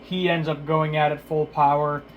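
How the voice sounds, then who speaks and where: Man, slightly higher-pitched, mouth numb from dental work, slight slur, casual hesitant recap, self-correcting, some background noise. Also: flat delivery, normal speed, rough recording. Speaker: video reviewer. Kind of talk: casual unscripted episode recap.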